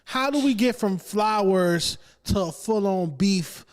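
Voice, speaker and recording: A man with a high voice hosts a podcast. He asks measured questions and probes for clear answers. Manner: measured, probing. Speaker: podcast host. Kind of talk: interview questions.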